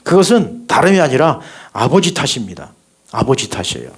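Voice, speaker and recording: A man's voice: mid-range voice, wildly swooping pitch, fairly quick, husky. A male pastor preaching in a church, asking the congregation question after question and having them answer. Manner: rhetorical questions, call and response. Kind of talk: sermon. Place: church sanctuary.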